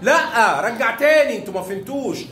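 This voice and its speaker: High-voiced Egyptian man teaching small children. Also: lively intonation, quick pace, fairly bright tone, faint music behind. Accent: Egyptian Arabic. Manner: coaxing, showers children with praise and pet names. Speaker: primary school math teacher. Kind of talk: classroom teaching with young children. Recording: echoey room, faint background noise.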